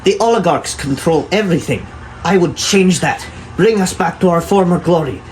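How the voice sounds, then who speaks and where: A man playing a loud, boastful nationalist politician in a comedy sketch. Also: high-pitched, normal speed, a little hiss or hum, lightly acted, poor audio. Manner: bombastic, boastful, shouting.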